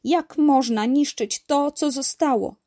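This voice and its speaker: A woman voicing a brave, cheerful uncle who leads a diving crew and loudly scolds wrongdoers, in a children's story. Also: medium pitch, sing-song, slow pace. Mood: indignant.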